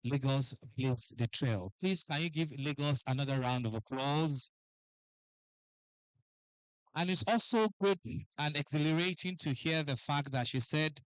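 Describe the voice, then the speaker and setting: A man hosting a live event as master of ceremonies, lively and forever calling for applause. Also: on the high side, measured pace, dry recording, rough recording. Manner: lively, keeps urging the crowd to applaud.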